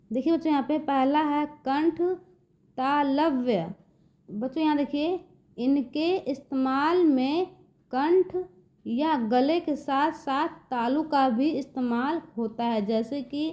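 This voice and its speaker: A woman's voice: sits high, a little mellow. A woman teacher patiently explaining to children, repeating herself and guiding them step by step. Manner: patient, repeats "देखिए बच्चों" often. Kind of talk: slow classroom explanation to children. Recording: dull lo-fi recording.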